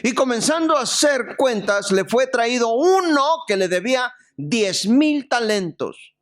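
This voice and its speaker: Animated, high-voiced pastor preaching. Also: male voice, measured pace. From Mexico. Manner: storytelling with lively jokes and scripture reading. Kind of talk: sermon.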